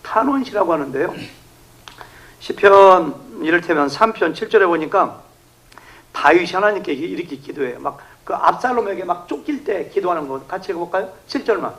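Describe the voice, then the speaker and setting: A man's voice: high voice, brisk, rough recording. A male pastor preaching an emphatic revival sermon in a church, leading the congregation in reading. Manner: emphatic, animated, acting out shouted prayers. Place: church sanctuary.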